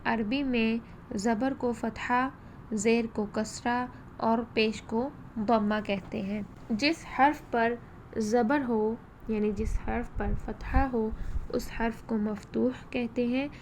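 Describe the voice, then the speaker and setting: A woman teaching a tajweed lesson, slowing down to demonstrate each vowel sound with care. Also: on the high side, steady tone, darkish tone, a little hiss or hum. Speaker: Quran recitation teacher.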